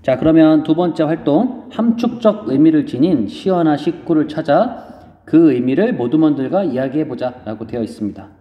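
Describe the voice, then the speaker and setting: A male teacher giving an online lecture, explaining step by step with fillers, pausing as he writes notes. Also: fairly high pitch, lively intonation. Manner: explains slowly while writing, frequent fillers. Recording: dull lo-fi audio, long reverb, faint noise.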